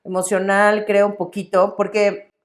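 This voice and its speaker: A Mexican woman co-hosting a podcast, chatting casually in a warm, reflective way. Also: mid-range voice, little pitch movement, unhurried. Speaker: podcast co-host. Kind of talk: casual chat.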